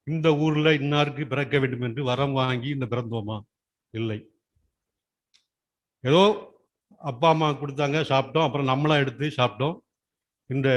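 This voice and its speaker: A man with a fairly high voice addresses a school gathering on yoga day. He talks in a steady explanatory way, often asking a question and then answering it himself. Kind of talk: explanatory public speech. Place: school function.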